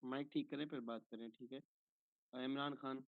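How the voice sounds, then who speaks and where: A man's voice: mid-range voice, steady tone, normal speed, dry recording. A man teaching an online course over a call, patiently answering a student's questions step by step and checking in after each point, heard through a tinny phone-like line.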